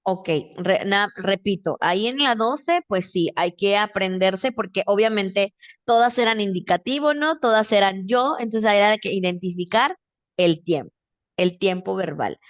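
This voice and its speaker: A woman's voice: mid-range voice, lively intonation, normal speed, dry recording. A woman teacher with a Mexican accent giving a grammar lesson over a video call, explaining patiently step by step and checking in with her student.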